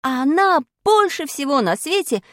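Woman narrator, children's story, high voice, very lively intonation, dry close sound. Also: normal speed, no room sound. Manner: expressive storytelling.

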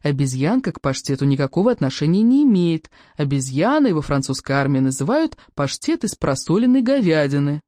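A reader voicing a gentle, patient mother who calmly soothes and explains. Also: mid-range voice, a little fast, few pauses, dry recording, studio quality, lightly acted.

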